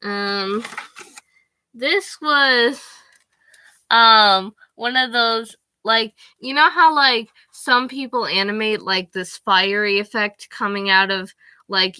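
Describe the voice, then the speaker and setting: A woman's voice: mid-range voice, slow, sharp tone, no room sound. A teenage girl chatting casually to the camera from her bedroom, rambling with lots of fillers. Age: teens. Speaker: vlogger.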